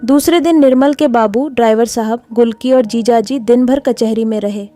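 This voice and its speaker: A woman reading a classic short story aloud in a steady storytelling manner. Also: on the high side, moderate pace, soft background music. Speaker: narrator.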